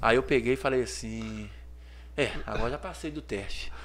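A Brazilian man, a clothing store owner, telling lively stories in a casual podcast interview and acting out the voices of people in them. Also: medium pitch, moderate pace, a little hiss or hum. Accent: Brazilian Portuguese. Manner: lively storyteller, acts out voices and sounds.

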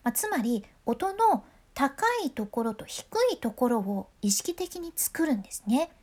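High, lively Fukuoka-accented woman coach. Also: unhurried. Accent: Fukuoka dialect of Japanese. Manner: chatty, playful, demonstrates voices. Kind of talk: friendly voice lesson.

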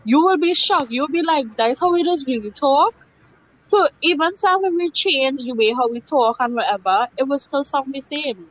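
A woman's voice: high voice, moderate pace, hardly any pauses, low-quality recording. A woman with a Trinidadian accent on a casual podcast, talking insistently and repeating her point.

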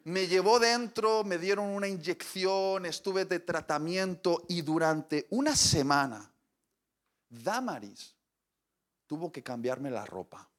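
A man, preaching a sermon as an animated storyteller who acts out scenes and voices. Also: sits high, takes it slowly.

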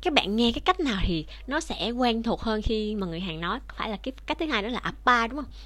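A woman's voice: on the high side, expressive, fast, fairly bright tone, dry recording. A woman teaching a language lesson online, explaining rules patiently and speaking directly to her viewers.

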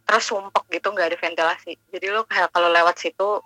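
A woman calling in over the phone, telling a personal ghost story in a halting casual way. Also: fairly low pitch, fairly even intonation, bright, forceful tone, low-quality recording. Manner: halting, searching for words. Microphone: phone call.

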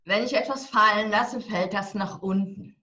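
Pushed and bright, her medium-pitched voice moves at a moderate pace. She's about to turn 60, a divorce coach and author guesting on a casual interview, frank and funny about how she coaches people, though the lo-fi recording is slightly dull.

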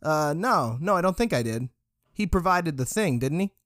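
A man's voice: a little high, expressive, normal speed, a bit bright, no room sound, clean studio sound, pitched above the performer's own voice. A man doing a hesitant young student. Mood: casual. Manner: hesitant, full of fillers. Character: young male student, eager and shy.

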